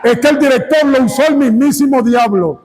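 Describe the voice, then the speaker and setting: A man preaching a fiery sermon as pastor. He acts out quotes from people and breaks into shouted climaxes, at times speaking in tongues. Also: extremely high pitch, a little fast, in a large hall, a little hiss or hum, poor audio.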